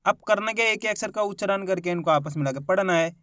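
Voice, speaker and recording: A man's voice: high-pitched, fast, fairly bright tone, dry recording, clean studio sound. A man teaching Hindi reading. He sounds out each syllable, then blends them into a word, and asks questions he answers himself.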